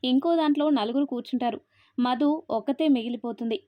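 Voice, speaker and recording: A woman narrating a story in a steady storybook reading manner. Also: a little high, a little fast, dry recording. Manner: steady storybook reading, voices every character herself. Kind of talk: scripted narration. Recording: dry, slightly dull recording.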